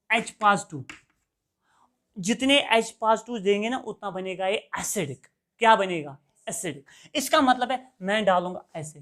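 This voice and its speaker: A man teaching a classroom lecture who keeps checking whether the students follow. He asks a question, repeats the key term and answers it himself in a steady call-and-response rhythm. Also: high-pitched. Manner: quizzes students and answers his own questions.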